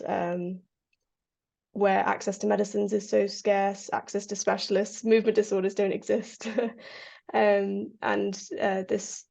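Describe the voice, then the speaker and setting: A woman's voice: medium pitch, gravelly, dark tone. A woman from Kenya, a Parkinson's researcher, answering interview questions earnestly, with many fillers and restarts and frequent laughs. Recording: lo-fi audio.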